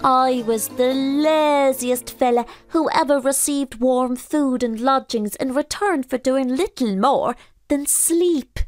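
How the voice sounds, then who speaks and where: A woman voicing a male pooka, a donkey-like spirit who was once a lazy servant, speaking slowly and courteously. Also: sits high, dry recording, soft background music, voice pushed up. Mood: confessing. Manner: slow, drawn-out and courteous.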